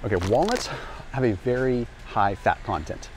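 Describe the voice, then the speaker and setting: There's background noise as a man in his thirties, medium-pitched and expressive at a moderate pace, explains nutrition to camera. The health and nutrition vlogger wears a small lapel mic while walking a big indoor warehouse store aisle for an energetic, educational grocery walk-through.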